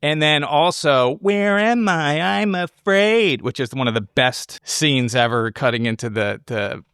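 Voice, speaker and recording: Hosting a casual podcast about a film, a man thinks aloud through rambling, speculative explanations. His voice sits on the high side, a bit bright and smooth, and he takes his time; the studio recording is clean with no echo.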